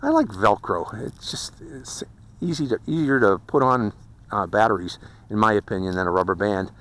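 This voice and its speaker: A man's voice: fairly low pitch, big pitch swings, normal speed, fairly bright tone. A man casually reviewing a small racing drone in a folksy, chatty way, with fillers and light laughs. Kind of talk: casual product review and flight commentary. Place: outdoors during flight.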